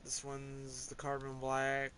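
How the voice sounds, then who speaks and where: A man's voice: mid-range voice, monotone, slow, a bit bright, slight background noise, rough recording. A man casually talking through his game car collection in a rambling, offhand way, with small hesitations. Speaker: gamer showing his garage. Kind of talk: casual gameplay commentary.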